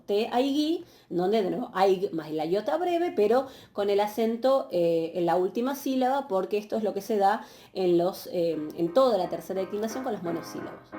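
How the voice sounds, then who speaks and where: A woman giving a patient, explanatory university lecture, often pausing on fillers and checking questions. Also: mid-range voice, dark tone. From Argentina. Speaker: university Greek teacher. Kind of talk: recorded online lecture.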